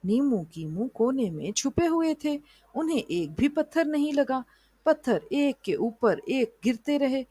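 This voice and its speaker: Woman storyteller, children's moral story, slow pace, breathy voice, dry close recording. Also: a little high, dry recording. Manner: slow, even storybook reading.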